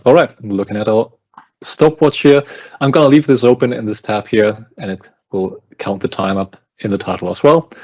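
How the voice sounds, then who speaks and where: German-accented guy walking thru a tech setup step by step, lowish voice, kinda muffled call audio. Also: a little mellow. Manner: explains step by step while working. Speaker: customer success engineer. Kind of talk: live technical walkthrough. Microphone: video call.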